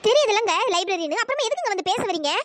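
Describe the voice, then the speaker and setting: A fiery young college woman who scolds in a squeaky, rapid-fire cartoon voice, as a performer puts her on. She is exasperated and sharp with everyone, and the sound is close and dry with no room around it. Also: sing-song, no room sound. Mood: irritated. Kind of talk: cartoon storytelling dialogue.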